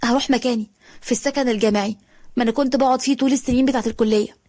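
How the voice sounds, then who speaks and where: A woman voicing a wronged young woman who grieves and speaks bitterly in Egyptian Arabic, her voice rising high in anguish. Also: fairly even intonation, rapid-fire, a little mellow, no echo, studio quality, lightly acted. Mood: resigned.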